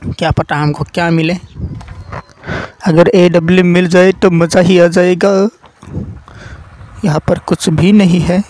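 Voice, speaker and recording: A man giving casual, excitable gameplay commentary, swearing and yelling at his teammates as he plays. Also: sits high, rough recording. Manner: excitable, swears and yells at teammates mid-game. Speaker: gaming commentator.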